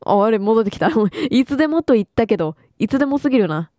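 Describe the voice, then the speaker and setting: A woman's voice: on the high side, sing-song, fast, mellow, dry recording, studio quality. A young woman commenting casually on a game she is playing, teasing the characters playfully. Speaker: game streamer. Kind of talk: casual let's-play commentary.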